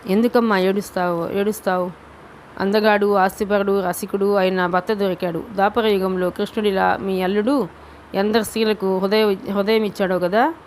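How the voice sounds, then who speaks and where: A woman's voice: medium pitch, level tone, moderate pace, a little mellow, slight background noise, close to an everyday voice. A woman voicing a bitter, grieving mother who speaks with heavy irony.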